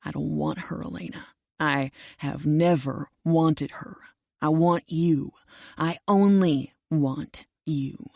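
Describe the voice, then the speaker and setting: A woman reads in a gruff, domineering cowboy's voice, low and growling, with a gravelly edge. He talks slowly and commands rather than asks, in a dry, close recording. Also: steady tone, a little mellow, no echo, full character voice. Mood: possessive.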